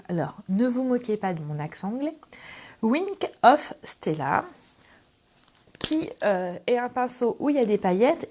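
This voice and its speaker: A woman from France hosting a relaxed craft tutorial, talking casually through each step with many fillers. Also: on the high side. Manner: chatty, relaxed, thinks aloud with fillers. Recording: faint background noise and clicks.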